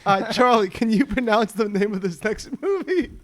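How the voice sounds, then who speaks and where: This male podcast co-host has a high voice with lively intonation and talks at a normal speed. In casual chat he jokes, laughs often, and stammers, tripping over repeated words.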